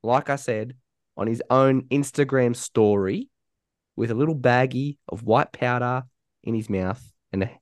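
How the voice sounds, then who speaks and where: A man's voice: mid-range voice, moderate pace, no room sound. Australian male podcast host, dry close sound. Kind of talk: casual rugby league podcast chat.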